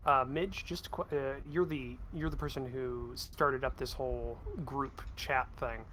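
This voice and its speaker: A man's voice: mid-range voice, fairly even intonation, measured pace, fairly bright tone, a little hiss or hum. A man as game master in a voice call, explaining things in a rambling, self-correcting way. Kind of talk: casual game chat. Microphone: voice call microphone.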